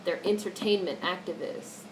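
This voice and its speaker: At normal speed and a fairly low pitch, a female livestreamer reads chat comments aloud and responds casually, bluntly and opinionatedly, cursing freely. The livestream audio is noisy with background noise.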